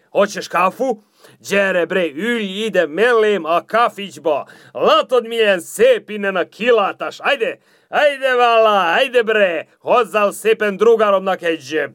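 A man's voice: high voice, fairly bright tone, dry recording, clean studio sound. A man playing a laid-back older café loafer and hustler who speaks Hungarian with a Serbian accent and Serbian slang, in a radio comedy sketch. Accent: Serbian-flavored Hungarian. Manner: drawling, easygoing, peppered with Serbian slang.

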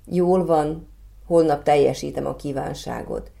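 A woman voicing a kindly little female fairy in a storybook, speaking briskly and reassuringly. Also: sits low, steady tone, creaky, dark tone.

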